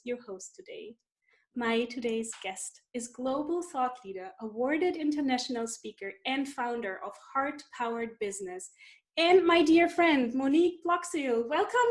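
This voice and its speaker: Woman hosting an interview show. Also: high-pitched. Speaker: podcast host.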